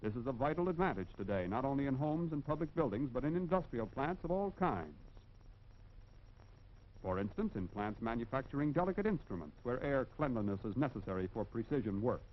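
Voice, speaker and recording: An American man narrates in the style of a 1940s educational industrial film. His delivery is formal and instructive, with measured emphasis at a medium pitch. The sound is that of a dull, band-limited old film soundtrack. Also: sing-song.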